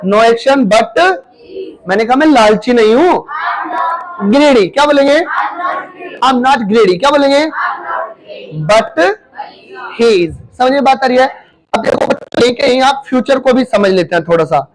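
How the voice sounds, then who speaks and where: A man's voice: very high voice, lively intonation, a little slow, long pauses, some chatter behind, low-quality recording. A man with an Indian accent teaching an English class, calling out questions to his students and often raising his voice. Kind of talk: classroom lesson in Hindi and English.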